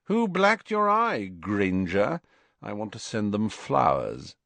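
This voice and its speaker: A man voicing an arrogant, sneering teenage boy with a slow drawl. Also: fairly low pitch, big pitch swings, creaky, fairly bright tone, no room sound, exaggerated voice.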